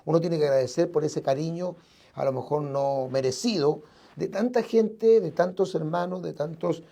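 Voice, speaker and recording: A man's voice: fairly high pitch, moderate pace, vocal fry, mellow. A man with a Chilean accent, an evangelical pastor speaking earnestly and conversationally to his listeners from a radio studio, often repeating and restarting his words. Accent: Chilean Spanish. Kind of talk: casual live broadcast talk to listeners.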